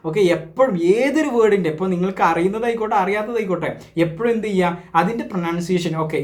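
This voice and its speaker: Malayali guy teaching pronunciation, talks quick, keeps going "so what do you do?" and answering himself. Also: high-pitched, a little mellow. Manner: keeps asking and answering his own questions; mixes English words into his talk. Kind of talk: spoken lesson to camera.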